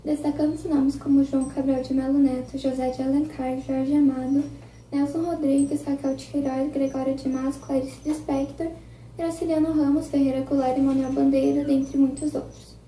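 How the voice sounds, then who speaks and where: A woman with a high, very dark and muted voice reads a school text in a flat monotone. She sounds distant from the mic, in a roomy, echoey space. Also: moderate pace, a little hiss or hum. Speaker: student presenter. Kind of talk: reading a prepared school text.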